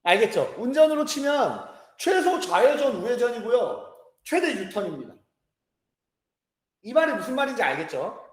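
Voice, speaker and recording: A man in his thirties teaching a lecture, telling stories lively, joking with students and acting out voices. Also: very high-pitched, normal speed, roomy sound. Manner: lively storytelling, acts out voices, jokes with students. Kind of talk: animated classroom lecture. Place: classroom.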